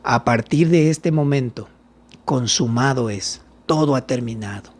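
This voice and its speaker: A man's voice: medium pitch, unhurried. A man, a pastor, teaching a Bible study lesson, reading scripture aloud and explaining it with questions.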